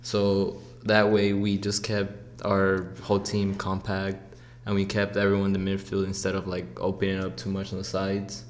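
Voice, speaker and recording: A man's voice: low-pitched, a little hiss or hum. A young man in his twenties, a college soccer player, talking casually and rambling a little as a podcast guest. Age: 20s. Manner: relaxed, rambling, laughs easily. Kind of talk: casual interview chat.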